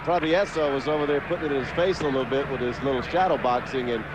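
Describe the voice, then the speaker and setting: A man's voice: mid-range voice, steady tone, fast. Male boxing play-by-play caller, medium register, live ringside broadcast with heavy background noise. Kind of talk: live sports commentary. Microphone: ringside broadcast microphone. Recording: loud arena noise behind ringside voice.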